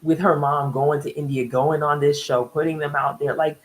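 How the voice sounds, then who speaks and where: A woman's voice: fairly even intonation, moderate pace, rough recording. A woman recapping a reality TV episode in casual chat, laughing often and acting out what the people said. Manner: chatty, laughs often, acts out quotes with jumps in pitch. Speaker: reality TV reviewer.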